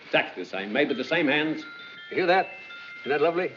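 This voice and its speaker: Casting: hustling auctioneer, higher-pitched and very lively, theatrical patter, vintage film. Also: male voice, quick pace. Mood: cajoling. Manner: theatrical sales patter, repetitive calls. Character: chatty, wheedling London auctioneer, male, hustling salesman. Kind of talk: 1940s film acting. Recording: muffled 1940s film soundtrack, music behind.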